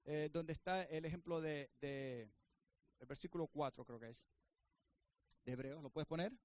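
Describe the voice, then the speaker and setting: A man preaching a sermon as pastor, swinging between emphatic raised lines and quieter asides to the congregation. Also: fairly high pitch, normal speed, a little hiss or hum.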